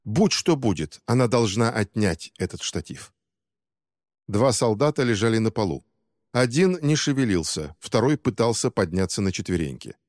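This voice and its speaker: A man with a fairly low voice reads an audiobook in steady, dramatic scripted narration. His voice sounds close and dry, yet each phrase trails into a long reverb. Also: normal speed.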